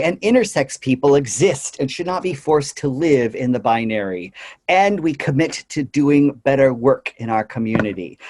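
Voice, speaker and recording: A conference presenter with a darkish tone gives a sincere talk about his slides. He frequently hesitates on "uh" and "you know," and slips into high, mocking voices for a moment when quoting.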